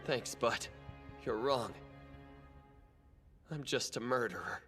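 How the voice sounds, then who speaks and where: An actor playing a gentle, subdued, remorseful killer confessing in a video game. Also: male voice, mid-range voice, slow pace, close to an everyday voice. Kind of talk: video game character voice acting. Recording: loud music over the voice.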